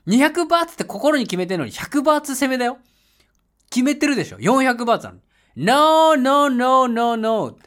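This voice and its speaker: Lively laughing man telling a travel story. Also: very high voice, quick pace. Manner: lively, laughs often, bursts into loud English shouts when reenacting. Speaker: podcast host. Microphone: home mic voice message.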